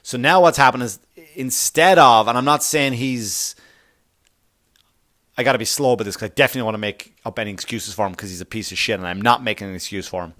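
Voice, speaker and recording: A man's voice: medium pitch, fast talker, a bit bright. A man from Ireland, hosting a podcast in a blunt, profane, rambling comedic monologue full of restarts. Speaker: podcast host.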